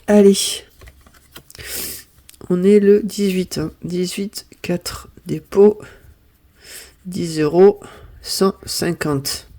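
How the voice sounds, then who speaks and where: A woman's voice: on the low side, steady tone, drawn-out words, long pauses, mellow. A woman in her fifties chatting casually at home as she sorts and counts her savings, apologizing often and exclaiming when pleased. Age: 50s. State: sniffling from pollen. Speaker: budgeting vlogger. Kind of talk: casual chat.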